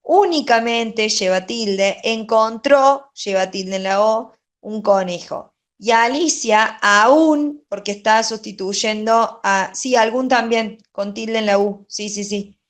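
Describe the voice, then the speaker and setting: A woman's voice: on the high side, steady tone, takes it slowly, hardly any pauses. A woman teaching a grammar lesson, going over exercise answers patiently and often checking in with "¿sí?". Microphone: online class.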